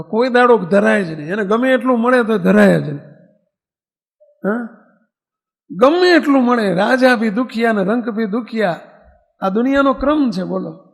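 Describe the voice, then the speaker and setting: A man with a Gujarati accent, a swami giving a sermon, who keeps checking in with his listeners as he tells a story. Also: high-pitched. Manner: conversational, often asking the audience "bolo" and "ha?". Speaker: swami preaching to a congregation. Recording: long hall reverb.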